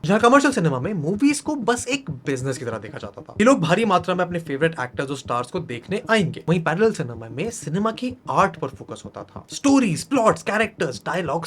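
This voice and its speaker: A man narrating a video essay in a scripted, explanatory way. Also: fairly high pitch. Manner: mixes Hindi and English, explanatory.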